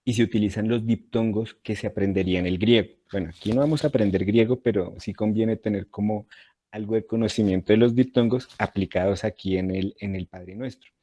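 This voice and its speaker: Man, Latin teacher, low mellow voice, patient explaining. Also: a little fast. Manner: explains patiently, repeats points, checks in with "¿sí?". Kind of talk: online class lecture.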